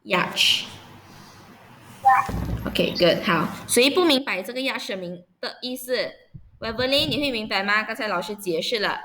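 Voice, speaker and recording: Bright-voiced woman teaching kids. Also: a little high, lively intonation, unhurried, slight background noise. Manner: spells words out letter by letter; checks on pupils often, patient and coaxing. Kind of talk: online vocabulary lesson for children.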